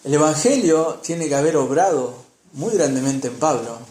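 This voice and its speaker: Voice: mid-range voice, expressive, moderate pace, mellow, reverberant, a little hiss or hum. A preacher with an Argentine Spanish accent, telling a Bible story in a sermon and putting rhetorical questions to the congregation. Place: church.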